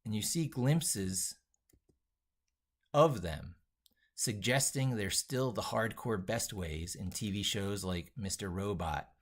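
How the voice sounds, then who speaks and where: This is an unscripted tech tutorial streamed live, where a man thinks aloud, rambling about each thing he does and stressing his points hard. He speaks slowly in a fairly low voice with lively intonation.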